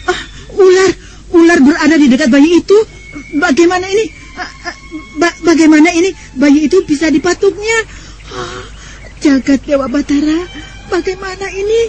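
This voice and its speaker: A woman's voice: medium pitch, moderate pace, mellow, natural voice. A woman playing a frightened middle-aged village wife who sobs and stammers in a radio play. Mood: panicked. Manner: panicky, sobbing, stammering.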